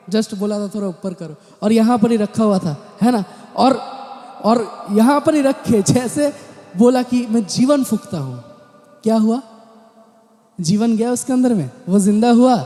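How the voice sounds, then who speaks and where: A man's voice: very high voice, warm tone. A male pastor preaches a sermon in a church, often breaking into amen and hallelujah and mixing in English words. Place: large church hall. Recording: echoey church hall with long reverb.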